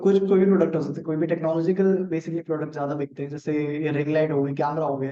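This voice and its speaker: A man with an Indian accent teaching a live online class on marketing. He talks fast on purpose and works through examples while checking in with his students. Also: fairly high pitch, mellow. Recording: echoey room, dull lo-fi sound.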